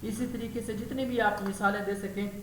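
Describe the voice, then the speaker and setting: A man's voice: high voice, steady tone. A man leading an online teacher training lesson, explaining step by step and quizzing his trainee as he goes. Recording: echoey room, faint hiss.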